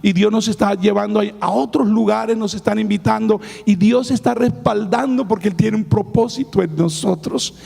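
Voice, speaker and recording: A man preaching in a church hall, his hoarse, gravelly voice sitting high for a man but dark in tone. He speaks with emphatic warmth, repeatedly calling out to his listeners as brothers. A long reverb from the hall trails his words. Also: steady tone, normal speed, hardly any pauses, soft background music. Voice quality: hoarse, raspy voice. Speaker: pastor. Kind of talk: sermon testimony.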